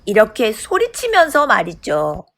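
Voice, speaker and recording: A woman narrating a children's storybook in an expressive, dramatic way. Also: a little high, a little slow, loud music behind the voice.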